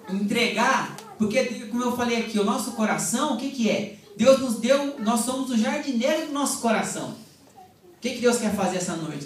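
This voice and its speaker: A woman with a Brazilian Portuguese accent preaching a sermon at a church service, telling stories lively and acting out the quoted dialogue. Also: fairly high pitch. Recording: echoey hall, mic far off, congregation behind.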